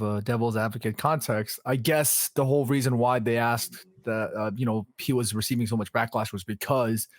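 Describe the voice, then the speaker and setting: A young man co-hosting a casual podcast, hedging his points with many pauses and uhs. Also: medium pitch, no room sound, studio quality. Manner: hedging, many uhs, laughs between words. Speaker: podcast co-host. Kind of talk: casual chat.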